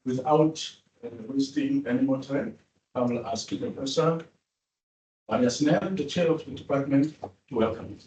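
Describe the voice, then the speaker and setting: A man opening a ceremony as master of ceremonies, measured and formal. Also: medium pitch, darkish tone. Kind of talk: formal event introduction. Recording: echoey hall, mic far off.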